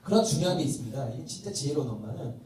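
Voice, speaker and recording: Fast and sing-song, a pastor with a fairly high voice quizzes his parenting-workshop audience and acts out parent-child scenes, with crowd noise around him. The setting is a church welfare hall classroom, captured by a distant mic amid reverb and faint noise.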